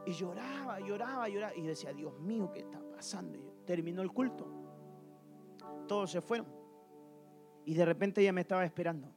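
A man preaching in a church with a very high voice. He preaches in animated bursts, asking the congregation question after question and telling stories from his travels, while soft music plays underneath. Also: fairly quick, long pauses. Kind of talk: sermon.

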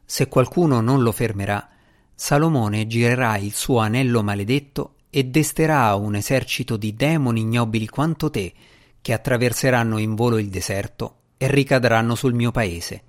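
A determined young woman, stern and pressing, who gives orders without softening, as a male audiobook reader puts her on. The voice stays mid-pitched and close to his own. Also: normal speed, close to an everyday voice. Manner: firm, pressing delivery. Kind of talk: audiobook character reading.

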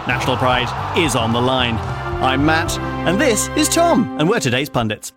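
A man's voice: mid-range voice, sing-song, normal speed, over loud music. A man hosting a comedy podcast, upbeat and laughing often as he jokes with his guests. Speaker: podcast host.

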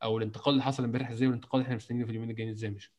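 Casting: Egyptian-accented man, extremely quick casual sports chat, mid-pitched voice. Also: level tone, a little mellow. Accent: Egyptian Arabic. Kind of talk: casual football discussion.

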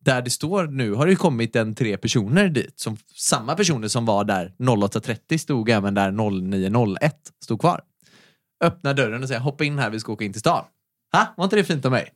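A young adult man hosting a casual podcast, telling a story with plenty of swearing. He slips into the voices of the people he quotes. His voice sits at a middling pitch, recorded close and dry. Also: expressive, no room sound. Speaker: podcast host.

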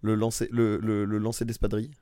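A man co-hosting a podcast in casual chat, rambling with restarts and getting animated about comedy. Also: on the low side, brisk, dry recording, studio quality. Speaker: podcast co-host.

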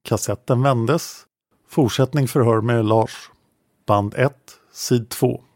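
Podcast host, male, gravelly, dry close read of transcripts. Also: mid-range voice, a little mellow, dry recording. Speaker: podcast host reading police protocols. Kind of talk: reading out interrogation transcripts.

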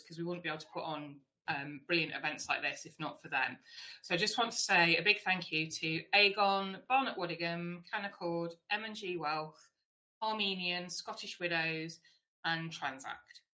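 Chatty, bright-voiced woman hosting a webinar. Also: lowish voice, fairly even intonation, normal speed. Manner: chatty, welcoming, many ums. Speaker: webinar host.

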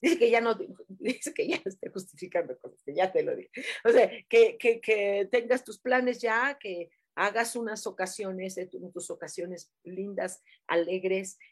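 A woman with a Mexican accent talks casually to her live audience. She calls people sweet pet names and stops often to hesitate and restart. Her pace is relaxed and her delivery is chatty and unscripted. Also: mid-range voice, unhurried. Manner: warm, chatty, many fillers, affectionate terms. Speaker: livestream host giving angel messages. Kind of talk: casual live-chat reading.

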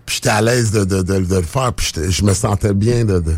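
A man's voice: on the low side, fairly quick, darkish tone. A man with a Québécois French accent, telling stories casually and mixing in English slang, with frequent restarts. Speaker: rapper and podcast guest. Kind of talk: casual chat.

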